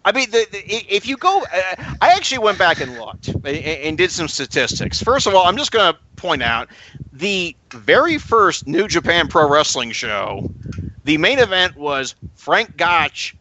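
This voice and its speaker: A man co-hosting a casual podcast chat, talking in halting bursts full of stammers and restarts. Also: high voice, sing-song, pushed and bright, a little hiss or hum, rough recording. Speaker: podcast co-host.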